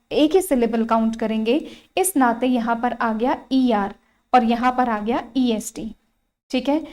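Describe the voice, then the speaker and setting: A woman with a high, clear voice teaches an exam-prep grammar lesson. She spells out vowels one by one, repeats each rule and keeps checking with her students. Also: darkish tone. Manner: repeats points, asks students rhetorical questions, spells out vowels. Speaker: English teacher.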